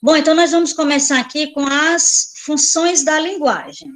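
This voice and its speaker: Woman teacher on a video class, pretty high voice, keeps repeating stuff and checking everyone's following. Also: normal speed. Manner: repeats and rephrases points, checks in with "tá certo?". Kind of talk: online class lecture.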